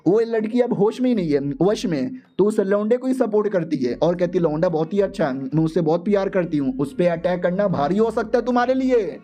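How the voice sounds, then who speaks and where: A man's voice: high voice, lively intonation, a little fast, few pauses, mellow. A man narrating a story recap in a casual, slangy, irreverent way.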